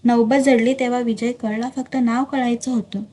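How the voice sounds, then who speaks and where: A woman's voice: fairly high pitch, level tone, moderate pace, dark tone, lightly acted. A woman voicing a proud, confident warrior king in a spoken storybook, in a raised voice.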